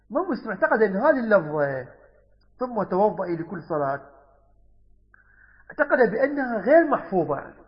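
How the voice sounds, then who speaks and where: A man's voice: high-pitched, big-room sound. A man giving a religious lesson, explaining texts and repeating key words, shifting between dialect and formal speech. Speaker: Islamic teacher. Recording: dull lo-fi recording.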